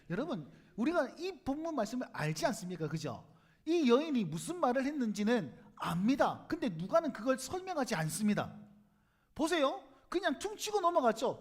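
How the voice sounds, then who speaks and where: A male pastor with a Gyeongsang Korean accent preaching a sermon in a church, telling the story animatedly and joking with the congregation. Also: very high-pitched. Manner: animated storytelling, acts out crowd voices, jokes with congregation. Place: church sanctuary.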